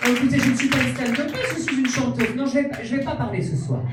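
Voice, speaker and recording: A man's voice: extremely high pitch, quick pace, heavy background noise. A man performing a vain, grandiose female diva character in a cabaret stand-up act, with camp, self-mocking delivery. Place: cabaret club stage before a live audience. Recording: distant echoey club sound with crowd.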